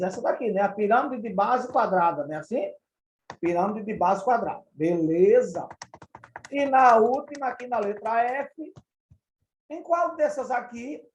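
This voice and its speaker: Brazilian male math teacher, unhurried, repetitive and patient, echoey room. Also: very high-pitched, a little hiss or hum. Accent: Brazilian Portuguese. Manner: patient, repeats and counts out examples step by step. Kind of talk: recorded classroom lesson.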